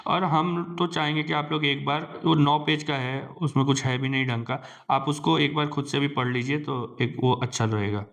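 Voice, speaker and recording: A young man teaching exam aspirants in a relaxed lecture, slowly reading out English headlines and then explaining them casually in Hindi. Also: on the high side.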